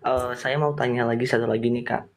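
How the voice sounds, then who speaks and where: A man's voice: mid-range voice, flat delivery, brisk. A man caller politely thanking the speaker and asking a question about prayer, addressing her respectfully.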